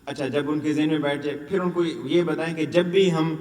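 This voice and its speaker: A man's voice: a little high, steady tone, darkish tone. A man training Quran teachers, drilling letter sounds and asking and answering his own questions. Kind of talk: instructional lesson. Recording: echoey room, distant mic, faint noise.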